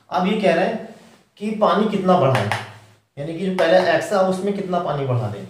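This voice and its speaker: A man's voice: a little high, distant mic. Hindi-accented man teaching math in an echoey room. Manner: works problems step by step, asking and answering himself. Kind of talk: whiteboard math lesson.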